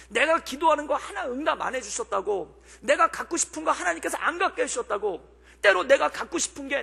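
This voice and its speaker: A man's voice: very high-pitched, gravelly, sharp tone. A male pastor delivering a sermon with earnest preaching and frequent rhetorical questions. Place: church sanctuary. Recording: long church hall reverb.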